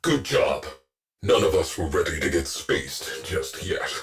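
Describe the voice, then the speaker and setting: In scripted video game voice lines, a gruff male ship's AI crew officer commands a warship crew. His very low voice moves slowly, delivering clipped, deadpan military phrasing that is dry, brisk, sardonic and coolly authoritative. The performance is heavily acted, over faint music.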